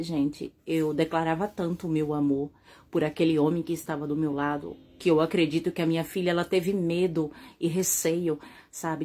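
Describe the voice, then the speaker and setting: A woman's voice: lowish voice, darkish tone. Earnest Brazilian woman telling her story. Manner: earnest, addresses viewers directly, frequent tag questions. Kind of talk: confessional first-person testimony.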